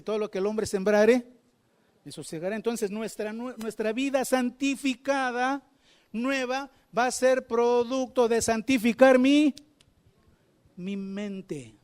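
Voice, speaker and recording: High-voiced male preacher, emphatic. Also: darkish tone. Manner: preaching with rhetorical questions to the congregation; emphatic, repeating phrases for stress. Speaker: pastor. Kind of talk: sermon.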